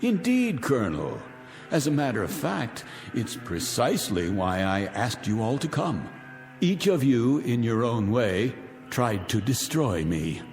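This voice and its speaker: A middle-aged actor plays a vindictive rich man taunting his guests in the style of 1960s television drama, mocking and grandiloquent. His mid-range voice swings widely in pitch at a measured pace, smooth and imperious. The vintage TV soundtrack is reverberant, with music behind.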